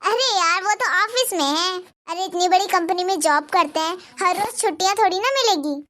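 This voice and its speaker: A woman's voice: very high-pitched, brisk, sharp tone. A woman voicing a spoiled, scheming young wife in a Hindi cartoon, bossy and boastful.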